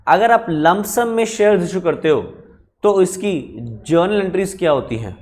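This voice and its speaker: A man's voice: sits high, lively intonation, moderate pace, a little mellow. A man teaching accounting in a conversational classroom lecture, stopping often to quiz his students.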